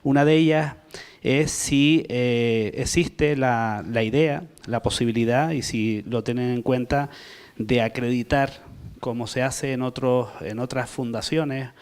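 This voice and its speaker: Man, mid-pitched voice, polite, long-winded question from the audience. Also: steady tone, measured pace, a little mellow, clear, resonant tone. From Canary Islands, Spain. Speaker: audience member asking questions. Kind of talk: workshop Q&A question.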